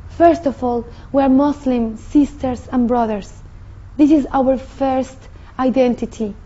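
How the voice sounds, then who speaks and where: Woman, Mexican Spanish accent, earnest personal testimony, high soft-toned voice. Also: fairly even intonation, highs cut off. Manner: earnest, halting, with frequent restarts. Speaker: convert sharing her testimony.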